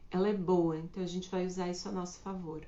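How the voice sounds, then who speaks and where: Woman in an echoey room, slightly hoarse. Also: flat delivery, quick pace, warm tone, lo-fi sound. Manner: reflective, acts out quoted remarks in a higher voice. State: slightly hoarse, clearing throat. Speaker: host of a live talk on communication. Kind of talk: casual live talk, explanatory.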